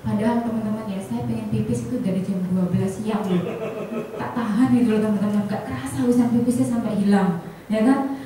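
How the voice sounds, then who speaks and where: A woman, an insurance agent telling colleagues a personal story in an animated way, acting out the dialogue and often turning to the audience. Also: medium pitch, fairly quick. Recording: echoey hall from far off, faint noise.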